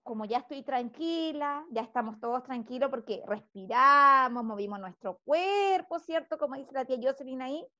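A woman's voice: high voice, animated, normal speed, hardly any pauses, pushed and bright, dull audio. A woman with a Chilean Spanish accent teaching a preschool class, talking the children through breathing and stretching.

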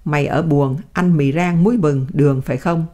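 A woman voicing a dignified old male prisoner who speaks in firm, measured sentences. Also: sits low, steady tone, warm tone, lightly acted. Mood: angry.

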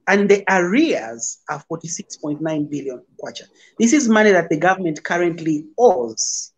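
A man from Zambia, a political commentator, explaining forcefully over a phone video call, heaping up figures and comparisons. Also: sits high. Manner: emphatic, lecturing with figures and analogies.

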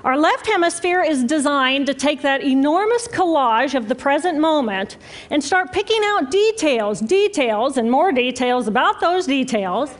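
Female scientist, high-pitched, delivering a public lecture with measured, emphatic pacing. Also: expressive. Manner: slow, deliberate, emphatic phrasing with pauses. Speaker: brain scientist giving a talk.

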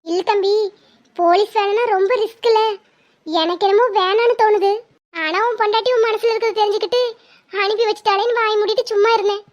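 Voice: extremely high pitch, fairly even intonation, brisk. A performer voicing an elderly, doting grandmother in a cartoon. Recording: dull lo-fi sound.

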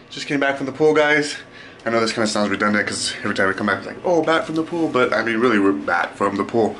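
A vlogger in his twenties chats playfully into a handheld camera held at arm's length in his small apartment, loose, teasing and jokey. His voice is medium-pitched and bright with a forceful tone, and there's slight background noise.

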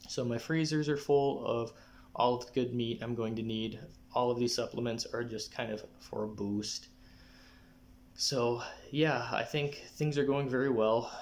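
A young adult man talking casually to camera in a personal update, often clearing his throat. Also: mid-range voice, measured pace, darkish tone. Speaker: vlogger giving a personal health update. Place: small living room, indoors. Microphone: phone or camera at arm's length.

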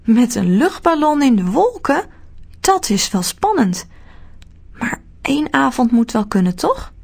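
A wondering little girl in a storybook, acted by a woman reader, a bit hesitant as she speaks. The voice sits higher than the reader's own and keeps a husky edge. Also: big pitch swings, measured pace, darkish tone, heavily acted. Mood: curious. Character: curious little girl woken by a storm.

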